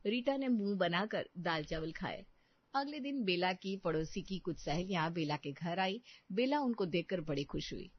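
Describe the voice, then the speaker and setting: A woman narrating a children's cartoon story in an even storytelling manner. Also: fairly low pitch. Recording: dull, dry lo-fi.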